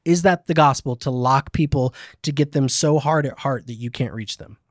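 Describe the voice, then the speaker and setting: A man's voice: medium pitch, moderate pace, no room sound, studio quality. A man hosting a casual faith podcast, talking emphatically with fillers and restarts. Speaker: podcast host.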